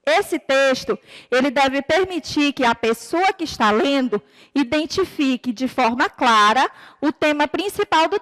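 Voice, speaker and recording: A Brazilian woman teacher giving a recorded lesson to children, explaining patiently and clearly and drawing out her example words. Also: high voice, big-room sound. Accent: Brazilian Portuguese. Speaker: primary school teacher.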